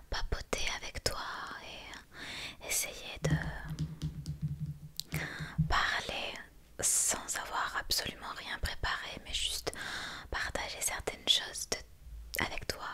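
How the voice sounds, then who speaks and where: A young woman whispers closely in a breathy voice, chatting intimately and unscripted to one listener in an ASMR style. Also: slow, long pauses, pushed and bright. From France. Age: young adult. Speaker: ASMR creator and vlogger. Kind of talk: whispered ASMR casual chat.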